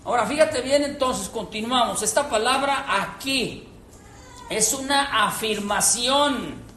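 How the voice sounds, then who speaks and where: A woman teaching a Bible class to a group, animated and quizzing her listeners. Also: a little high, a little slow, a little hiss or hum. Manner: animated, questions the audience, acts out quotes. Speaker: church teacher. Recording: echoey room with faint ambience.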